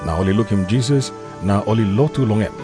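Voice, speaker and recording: Deep-voiced man narrating in Papua New Guinea pidgin. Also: fast. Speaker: scripture narrator. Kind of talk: dramatized Bible reading, scripted narration. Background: music behind the voice.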